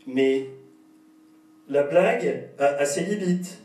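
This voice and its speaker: A man's voice: on the high side, takes it slowly, darkish tone. A man, a beatboxer, improvising jokes and playing with the echo inside a cave. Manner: playful, clowning. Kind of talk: improvised joking with cave echoes. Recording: echoey cave, from far off.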